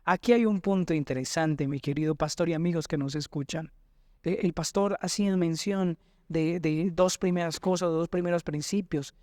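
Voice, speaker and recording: A man's voice: on the high side, moderate pace, darkish tone, dry recording, clean studio sound. A man with a Colombian accent, a pastor who asks questions, affirms and reads scripture in a Bible lesson discussion. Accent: Colombian Spanish.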